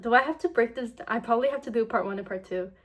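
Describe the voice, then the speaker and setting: Animated young woman telling a story. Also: a little high, very fast. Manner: animated retelling that acts out what others said, heavy use of "like". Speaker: vlogger. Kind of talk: casual storytime to camera.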